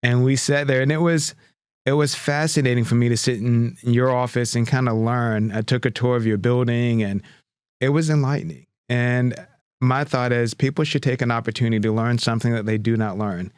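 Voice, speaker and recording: A male podcast host with a smooth, resonant voice reflects back on his guest's words and asks open questions. He sounds affirming. The recording is dry and right on the mic. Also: mid-range voice, steady tone, fairly quick, no echo. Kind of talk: interview conversation.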